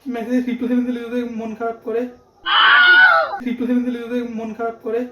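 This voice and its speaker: A man's voice: extremely high pitch, completely flat delivery, fairly quick, raised voice. Guy pleading with his wife, keeps repeating himself, far-off mic in an echoey noisy room. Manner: pleading, defensive, repeats phrases. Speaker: vlogger, prankster husband. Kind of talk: casual vlog prank. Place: home at night. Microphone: ceiling-mounted camera, far off.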